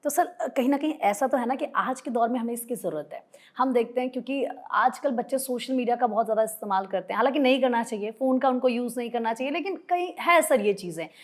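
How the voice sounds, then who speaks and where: A woman conducts an interview, asking polite, prompting questions. Her voice is fairly high for a woman. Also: fast. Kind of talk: conversational interview.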